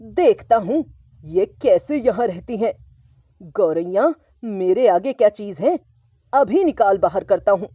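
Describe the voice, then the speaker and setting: A woman voicing a grumpy, stubborn father in a children's story, giving gruff commands. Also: fairly low pitch, expressive, normal speed, warm tone, dry recording, muffled recording, pitched below the performer's own voice, lightly acted.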